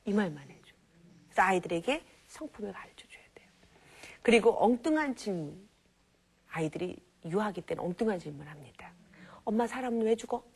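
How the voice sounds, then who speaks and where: A woman lecturing on raising children in a televised talk, lively and acting out parents and children in quoted lines. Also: lowish voice, a little fast, slightly rough.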